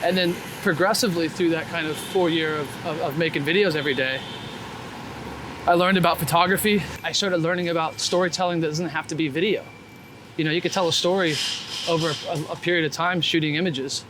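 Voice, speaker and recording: Walking along a busy city street, this man keeps his intonation fairly even and his pace fairly quick, his voice on the high side. His easygoing, honest talk is slangy and sweary. He's a guest who shoots street photography and formerly vlogged BMX, and traffic and street noise ring out clearly around him.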